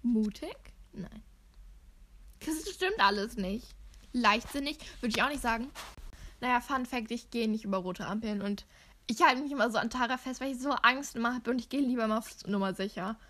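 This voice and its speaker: Young female podcast co-host, slightly high voice, casual self-mocking banter. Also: a bit bright. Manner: chatty, self-mocking, quick asides. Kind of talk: casual chat.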